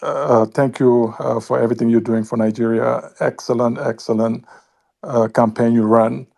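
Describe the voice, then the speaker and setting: A man from West Africa, an audience member asking a long question at a public event, talking haltingly with many pauses. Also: medium pitch, little pitch movement, gravelly, warm tone. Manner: halting, many fillers and restarts.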